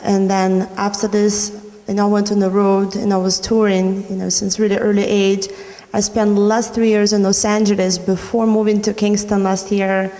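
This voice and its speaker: A woman's voice: mid-range voice, little pitch movement, normal speed, mellow, long reverb tail. A young woman from Norway, a recording artist, talking about her music in an interview, with many "you know" fillers. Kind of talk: interview answers.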